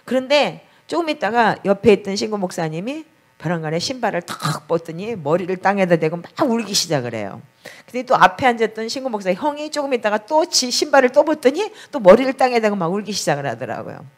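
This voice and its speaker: A woman's voice: medium pitch, big pitch swings, fast talker. A middle-aged woman pastor preaching a sermon and telling a personal testimony with emotion. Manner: emotional storytelling, voice rises when praying aloud. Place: basement prayer room of a small church.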